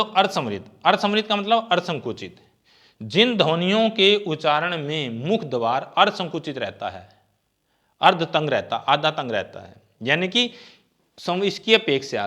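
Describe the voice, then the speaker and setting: A man's voice: on the high side, sing-song, normal speed, sharp tone. A man teaching an exam-prep grammar lecture. He asks questions and answers them himself, and he draws out vowel sounds as he demonstrates them.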